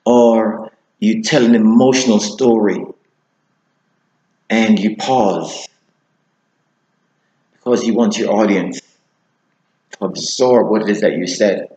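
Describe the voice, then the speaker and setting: A man teaching public speaking, talking to camera and deliberately shifting his pace, slowing down for emphasis. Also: fairly low pitch, dark tone, reverberant, poor audio. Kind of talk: instructional talk to camera.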